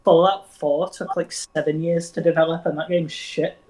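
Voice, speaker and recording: A man's voice: a little high, level tone, moderate pace, a little mellow. A man in crude, teasing casual chat with friends over an online voice call. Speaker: tabletop game player.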